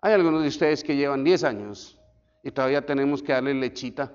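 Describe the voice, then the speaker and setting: A man in his forties, a pastor preaching a sermon in an animated way and acting out the voices he quotes. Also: mid-range voice, fairly quick, smooth. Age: 40s. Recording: echoey hall, dull lo-fi sound.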